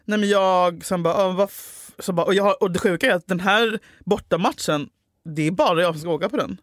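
A woman spins a personal story on a podcast with lots of energy, swearing freely and jumping into the voices of the people in it. She sounds close and dry on a studio mic, with no room echo. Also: on the low side. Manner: animated, swears freely, acts out quoted dialogue. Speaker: podcast host telling her love story. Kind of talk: casual storytelling chat.

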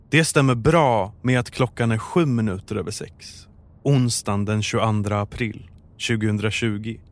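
A man narrating a true crime story in a calm, measured, scripted way. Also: medium pitch.

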